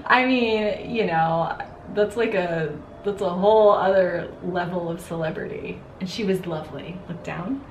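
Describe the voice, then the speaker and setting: A woman's voice: on the low side, a little slow. Chatty woman makeup artist in an echoey room. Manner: chatty, laughing storyteller giving gentle directions. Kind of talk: casual chat while doing makeup. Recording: echoey room with faint noise.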